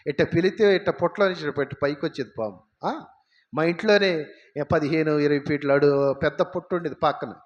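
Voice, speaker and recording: A man's voice: fairly high pitch, a little fast, highs cut off. A man preaching a sermon with personal testimony, emphatic and firing rhetorical questions at the congregation. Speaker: pastor. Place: church.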